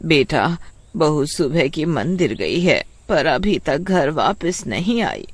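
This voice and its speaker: Old mother-in-law played by a man, high whiny voice, nagging, cartoon story. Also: sing-song, slow, no echo, full character voice.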